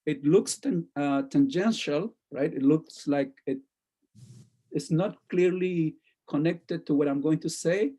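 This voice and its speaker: A male teacher giving feedback on a student's speech over a video call, halting, with many restarts, and checking in with "okay?". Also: fairly high pitch, mellow. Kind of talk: classroom feedback.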